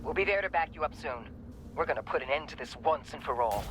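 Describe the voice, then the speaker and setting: An actor playing a stern, commanding agency boss in a video game, forceful and reprimanding. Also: male voice, on the high side, lively intonation, fast talker, a little hiss or hum. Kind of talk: dramatic video game acting.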